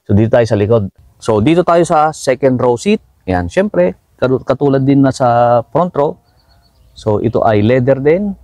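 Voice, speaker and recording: Sitting inside his car, a man reviews the vehicle in a casual walkaround tour, relaxed and repetitive as he points out each interior feature with frequent fillers. His mid-range voice moves at normal speed, with no echo but poor audio quality.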